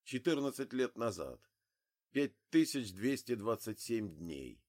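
A man voicing a calm official who talks down an armed father, in an audiobook. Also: medium pitch, a little slow. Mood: firm. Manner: calm, firm. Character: calm male official, steady negotiator.

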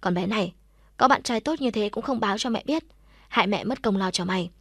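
Woman reading as a sick older mother, weak, gentle, plain mid pitch. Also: fairly quick, dry recording, clean studio sound, natural voice. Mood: tender. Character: gravely ill older mother, tender and weak.

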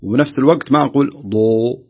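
A man's voice: on the low side, fast talker, vocal fry, slightly rough, lo-fi sound. A man who teaches Quran recitation, patiently correcting callers and sounding out letters syllable by syllable.

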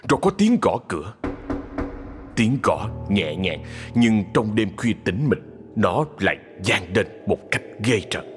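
A man narrating a ghost story in a dramatic scripted style, slowing for suspense. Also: fairly low pitch, big pitch swings. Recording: husky voice in long reverb with music.

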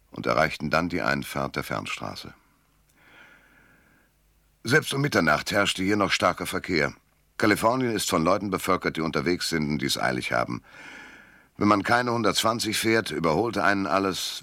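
Voicing a weary, laconic detective for a German noir radio drama, a male actor narrates in a dry, sardonic, gravelly manner. He uses a bass voice that is pushed and bright, giving a full character performance in a dry, watchful mood with no room sound.

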